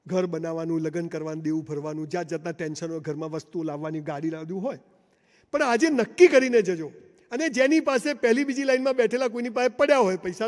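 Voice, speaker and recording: A man giving a live motivational seminar speech in a large hall, telling stories emphatically and addressing the crowd directly. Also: sits high. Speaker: motivational speaker. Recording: long hall reverb.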